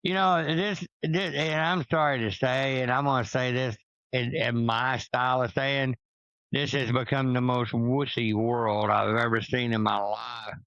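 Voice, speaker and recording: A gravelly, rough-edged man with a twang talks bluntly and preaches his opinions, swearing as he goes. The sound is dry and a little dull, like a lo-fi recording. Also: mid-range voice, fairly even intonation, unhurried, fairly bright tone, dry recording. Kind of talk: casual opinionated chat.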